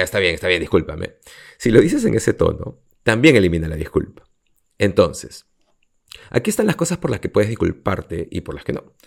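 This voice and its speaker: A man speaks alone on his podcast, offering sincere coaching advice and pausing often on fillers. His voice sits very low, with a heavy gravelly fry and a husky edge. His pitch moves a lot as he talks. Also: a little mellow. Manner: earnest, reflective advice-giving with frequent fillers. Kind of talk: solo podcast monologue.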